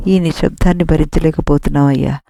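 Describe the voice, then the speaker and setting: A woman's voice: sits low, fairly even intonation, fast talker, creaky, mellow, no room sound. A woman voicing a tearful, loving foster mother in a storybook, speaking wistfully.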